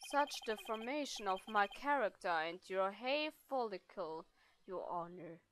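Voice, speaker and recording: A woman voicing a pompous, stern older male law professor who lectures in a haughty, drawn-out way. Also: medium pitch, expressive, a bit bright, dry recording, voice pushed down.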